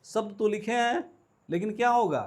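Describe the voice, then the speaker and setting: High-voiced man teaching a class. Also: moderate pace, a little mellow. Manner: asks and answers his own questions, repeats key words; calls students "beta". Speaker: English teacher. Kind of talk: classroom lecture.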